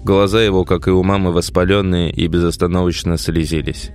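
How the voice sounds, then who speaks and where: A man narrating an audiobook in a measured, dramatic reading. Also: low-pitched, flat delivery, a little mellow, soft background music. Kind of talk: scripted narration.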